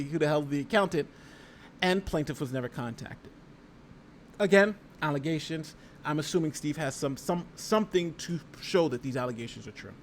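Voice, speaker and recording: An American YouTube host and lawyer reads a lawsuit aloud on a casual legal commentary stream, talking it through conversationally with rhetorical asides. His voice is fairly high, with a little hiss or hum.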